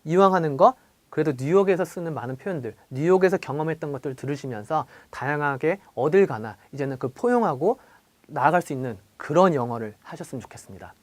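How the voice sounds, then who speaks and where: A man gives an English pronunciation lesson with a fairly high, animated voice that rises and falls a lot. He talks straight to his viewers in a conversational lecturing manner. The recording is close and dry, with no room sound. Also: dry recording. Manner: explains then repeats English phrases slowly and drawn out; lively, conversational lecturing, addressing viewers directly. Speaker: English teacher.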